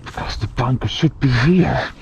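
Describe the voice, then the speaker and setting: A man vlogging casually outdoors to a handheld camera, his voice muffled by a gas mask, halting, deadpan and sweary. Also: mid-range voice, vocal fry, soft background music. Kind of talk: casual outdoor adventure vlog talk to camera. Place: outdoors in a forest. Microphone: action camera at arm's length.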